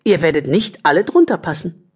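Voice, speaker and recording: A gentle, easily persuaded man from a children's storybook, stammering with hesitant fillers in a raised, uncertain voice, as a male narrator puts him on. His tone stays soft and a little husky. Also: very animated, fairly quick. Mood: unsure. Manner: hesitant, stammering, high and unsure. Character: timid, kindly, hesitant grown man.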